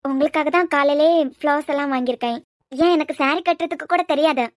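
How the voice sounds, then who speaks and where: A woman's voice: high-pitched, quick pace, no room sound, clean studio sound, close to an everyday voice. A woman with a Kanyakumari Tamil accent, voicing a bold young woman in love in a cartoon series, pressing and pleading. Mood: hopeful. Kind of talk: cartoon web-series voice acting.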